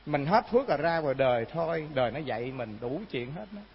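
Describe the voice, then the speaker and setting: A man's voice: fairly high pitch, sing-song, fast talker, slight background noise. A man, a Buddhist monk giving a sermon, telling a folk story and asking the hall rhetorical questions. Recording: muffled hall recording with long reverb.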